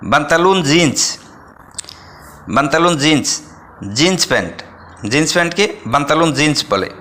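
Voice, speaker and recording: A young man teaches a vocabulary lesson, calmly saying each word and then repeating its meaning. His voice is bright and crisp and sits a little high for a man. He keeps an even, patient teaching pace. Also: moderate pace. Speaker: Arabic language teacher.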